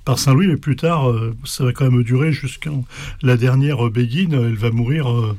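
Guy rambling on with lots of uh and hein, mellow darkish voice, dry sound. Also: medium pitch, normal speed, no echo. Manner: rambling, many fillers and restarts; recites a poem in Esperanto in a rising, sing-song lilt. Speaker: guest explaining medieval poetry. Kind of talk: casual chat.

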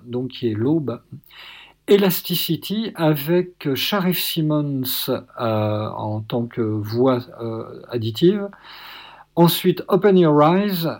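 A man presenting jazz tracks on the radio, halting with many fillers and self-corrections, openly enthusiastic about the music. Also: medium pitch, darkish tone.

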